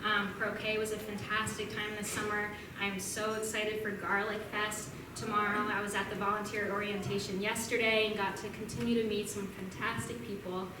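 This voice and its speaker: A young woman from Vermont, a guest speaker at a club meeting, gives a casual talk and takes questions, chatty and upbeat with lots of ums. Her medium-pitched voice is flat, her pace moderate with hardly any pauses, and the distant recording is echoey and noisy.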